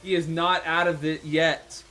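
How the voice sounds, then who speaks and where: A man giving live color commentary on a fighting game match, energetic and stammering when excited. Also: fairly high pitch, unhurried, faint music behind. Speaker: esports co-commentator.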